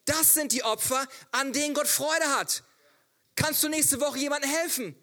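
A man's voice: very high voice, normal speed, sharp tone. A man preaching a sermon, telling a personal story and asking rhetorical questions. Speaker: pastor.

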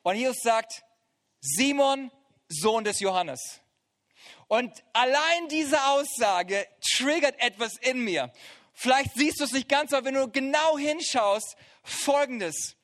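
A middle-aged man preaching a sermon, retelling scripture as a lively story with casual, joking asides. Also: very high voice, unhurried.

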